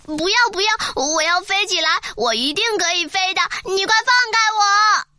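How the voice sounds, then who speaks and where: A woman's voice: high voice, big pitch swings, measured pace, sharp tone, no room sound, voice pushed down, full character voice. A woman voicing an eager, stubborn little male turtle in a children's story, pleading and insistent.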